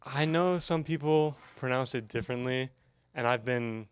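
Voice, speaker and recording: Smooth-voiced young man, shy and giggly. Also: medium pitch, normal speed, no echo. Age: young adult. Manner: hesitant, laughs easily, modest. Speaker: university student band member. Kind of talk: casual interview chat.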